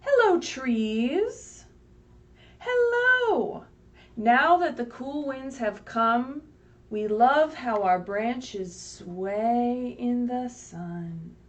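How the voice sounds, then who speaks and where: A woman with a fairly high, lively voice speaks very slowly, leading story time for young children. She reads a picture book aloud in a sing-song way, patiently explaining in simple words and often asking the listeners questions or checking in with "right?". The livestream audio comes from a distant mic with faint background noise.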